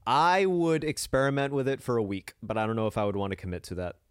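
A young man co-hosting a podcast in casual chat, teasing in a deadpan way and swooping up in mock surprise. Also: mid-range voice, quick pace, clear, resonant tone, no room sound, clean studio sound. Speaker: podcast co-host.

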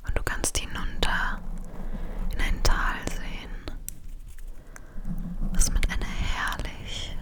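A woman guides the listener through an imagined dream journey entirely in a whisper. Her delivery is soft and dreamy, with very slow, soothing phrasing in an ASMR style. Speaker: guided relaxation narrator.

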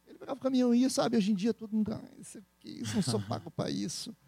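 Animated fast-talking Brazilian man. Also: high-pitched, gravelly, breathy edge, no echo. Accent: Brazilian Portuguese. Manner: animated, laughing, quick storytelling. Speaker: guest speaker and entrepreneur. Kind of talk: casual interview talk.

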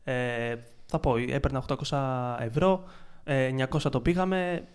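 A man chatting casually on a podcast, retelling his freelance work in an excitable way with many restarts. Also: medium pitch, clean tone. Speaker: podcast co-host, freelance ads marketer.

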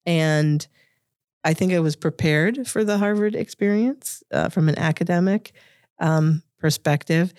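A woman's voice: fairly low pitch, unhurried, a little mellow, dry recording, clean studio sound. A woman with a Boston accent answering interview questions thoughtfully, as a guest. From Revere, Massachusetts, United States. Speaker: interview guest, corporate lawyer.

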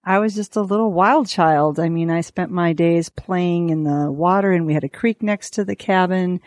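A woman with a fairly low voice talks casually as a podcast guest. She is an outdoorswoman from the Green Bay area, and the sound is very dry. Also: normal speed, a little mellow, no echo. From Green Bay area, United States. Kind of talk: casual interview chat. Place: small lakeside cabin, indoors.

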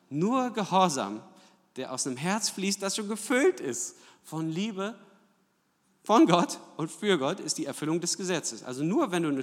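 Lively preacher in a reverberant hall. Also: male voice, sits high. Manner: lively preaching with rhetorical questions and tag "ja?". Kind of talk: sermon. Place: church hall. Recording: long church hall reverb.

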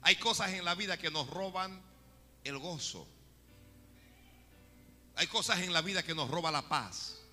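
Speaking straight to his congregation, a male preacher gives an animated sermon in a high, very bright voice. His words ring through a church hall with a long echo while faint music plays underneath. He keeps a measured pace and pauses often.

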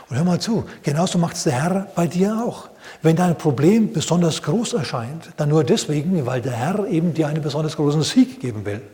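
A man preaching a sermon, telling the story in a lively way with playful asides and sound effects. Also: a little high, long reverb tail. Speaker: pastor.

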